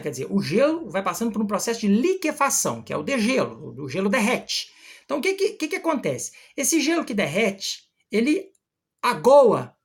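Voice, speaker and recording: Woman, husky voice, lively pitch, literature teacher explaining verses. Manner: explains step by step, slows to read verses aloud. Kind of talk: explanatory poetry lesson.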